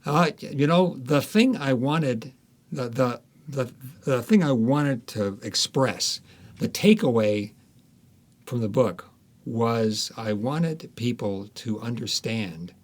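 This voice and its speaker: An expressive, mid-range voice belongs to an author in an interview who chats haltingly, echoing his own words while he reasons out loud.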